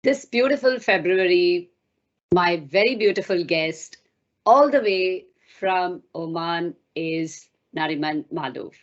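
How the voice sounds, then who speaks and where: A woman's voice: lowish voice, slow pace, highs cut off. A woman hosting an interview, welcoming her guest in a formal, gracious way and asking questions. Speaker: podcast host.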